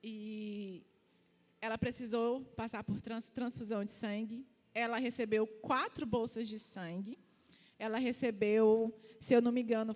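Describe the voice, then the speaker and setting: A middle-aged Brazilian woman giving a fervent church testimony, her voice rising to near-shouting at its peaks. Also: fairly high pitch. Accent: Brazilian Portuguese. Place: church hall. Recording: long reverb in a church hall.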